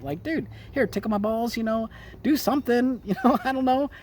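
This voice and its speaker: A man ranting sarcastically about current events in heated, profane commentary. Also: on the high side. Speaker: political commentary vlogger.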